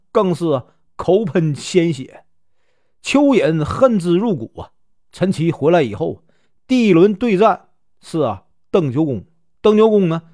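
A man's voice: fairly high pitch, darkish tone, no room sound, clean studio sound. A man with a Northeastern Mandarin accent retelling a classic novel in a casual way, stretching out filler particles between phrases. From Northeast China. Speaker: storyteller.

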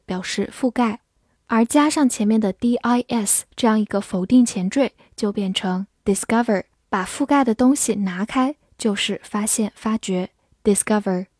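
Soft-toned woman teaching vocabulary, slow. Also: medium pitch, no echo, studio quality. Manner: spells words letter by letter and reads examples slowly. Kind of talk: scripted vocabulary lesson.

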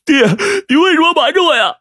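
A man voicing a desperate teenage son who pleads and cries in a strained, shouting voice. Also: fairly low pitch, expressive, brisk, breathy edge, no room sound, studio quality. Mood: pleading. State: crying.

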